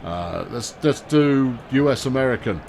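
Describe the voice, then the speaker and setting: A man gives dry, sarcastic commentary on a football management game. His voice has a gravelly edge and swings widely in pitch. A faint noise sits in the background. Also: animated, normal speed, darkish tone. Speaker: gaming commentator. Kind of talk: casual gameplay commentary.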